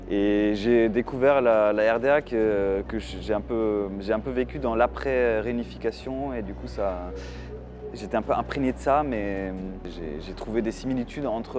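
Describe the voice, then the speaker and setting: A man's voice: on the low side, noisy background. A man in his thirties from Germany, an animation film director giving a festival interview, hesitant with many fillers and restarts.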